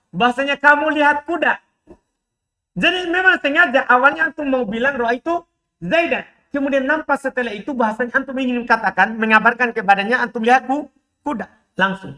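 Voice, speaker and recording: During a live class, a man teaches Arabic grammar, explaining each point and frequently asking his students quick questions to make sure they follow. His voice is very high and sharp in tone.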